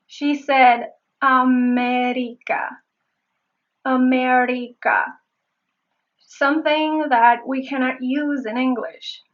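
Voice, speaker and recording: A woman accent coach giving a pronunciation lesson. She speaks deliberately and repeats words again and again to show how they sound. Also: high voice, highs cut off.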